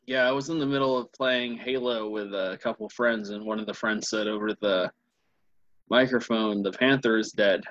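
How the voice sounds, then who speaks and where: Low-voiced co-host on a dull, dry mic. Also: male voice, fairly bright tone, no echo. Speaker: podcast co-host. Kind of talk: casual podcast chat.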